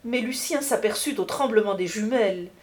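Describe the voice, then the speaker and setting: A woman narrating a classic novel as an audiobook, in a measured, literary manner. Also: mid-range voice, a little mellow.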